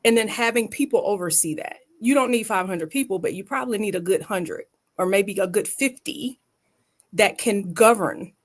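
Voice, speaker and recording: Southern woman on a panel, emphatic and folksy, medium pitch. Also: normal speed. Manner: emphatic, folksy, uses rhetorical "right?". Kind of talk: panel discussion.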